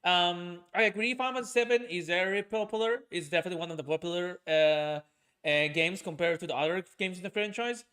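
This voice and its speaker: Fast-talking and high-pitched, a streamer and podcast host chats casually in a raised, pushed, bright voice, wandering off track with constant fillers and restarts.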